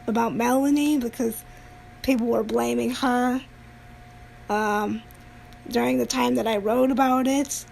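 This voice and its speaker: A woman streamer chatting casually on a livestream in a halting way, often pausing mid-sentence. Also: on the high side, vocal fry, a little mellow, slight background noise, low-quality recording. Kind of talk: casual rambling livestream talk.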